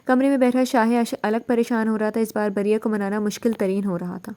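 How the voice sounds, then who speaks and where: A woman narrating a serialized novel in a steady, even storytelling manner. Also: mid-range voice. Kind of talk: novel reading.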